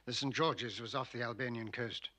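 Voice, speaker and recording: Formal government man, stern, bright forceful tone, spy film. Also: medium pitch, steady tone, moderate pace. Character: stern, formal British male government official. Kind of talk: film drama acting.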